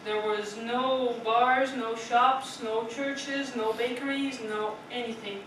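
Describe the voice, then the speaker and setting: A young woman from the Netherlands, her voice a little high and fairly even, takes her time delivering a prepared speech to a club. She's chatty, puts questions to the audience, and often tags on "right?". The meeting room sounds echoey, distant and noisy.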